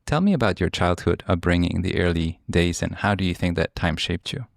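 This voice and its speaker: Man with Polish accent, low gravelly voice, dry sound, eager podcast host. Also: lively intonation, brisk, dry recording. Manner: eager, enthusiastic questioning. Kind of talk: interview hosting.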